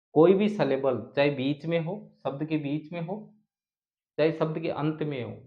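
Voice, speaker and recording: A male teacher giving an exam prep lecture, who keeps asking questions and answering them himself and mixes English terms into his explanations. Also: a little high. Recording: echoey room, dull lo-fi sound.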